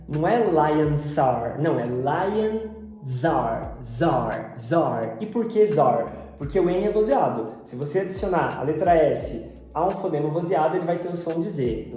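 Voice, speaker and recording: A man with a Brazilian Portuguese accent teaching English pronunciation, repeating each word slowly and carefully. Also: on the high side, warm tone. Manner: repeats English words slowly and deliberately, often several times. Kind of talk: pronunciation lesson. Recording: very echoey room.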